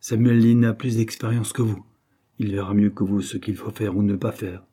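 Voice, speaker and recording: A man's voice: on the low side, steady tone, normal speed, warm tone, husky. A man voicing a genial, good-humoured middle-aged mill owner, speaking heartily. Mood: businesslike. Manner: hearty, laughing delivery.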